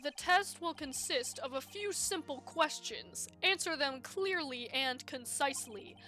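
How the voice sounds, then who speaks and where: A woman voicing a stern older male judge in a game playthrough, speaking formally and measured. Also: high-pitched, lively intonation, sharp tone, faint music behind, heavily acted.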